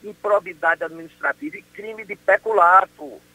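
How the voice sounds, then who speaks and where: Um homem, promotor de justiça, falando por telefone numa entrevista de rádio matinal, enfático e indignado. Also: male voice, high voice, normal speed, bright, forceful tone, dry recording, rough recording. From Brazil. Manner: emphatic, indignant, insistent. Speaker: public prosecutor. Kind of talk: phone interview on morning radio.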